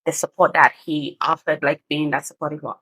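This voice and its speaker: A woman from Sierra Leone hosts a casual podcast interview in a studio in Edmonton, Canada, chatting expressively and laughing a lot. Her low-pitched voice is fairly bright and slightly rough, her delivery flat and brisk, and the recording has no room sound.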